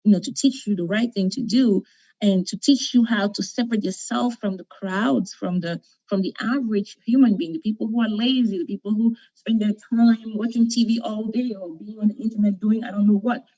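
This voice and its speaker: A woman's voice: mid-range voice, fairly quick, warm tone. Encouraging Cameroonian woman on a video call. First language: not English; French second language. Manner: encouraging, repeats herself, asks "okay?". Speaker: conference speaker. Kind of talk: motivational talk on a video call. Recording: dull lo-fi video call audio.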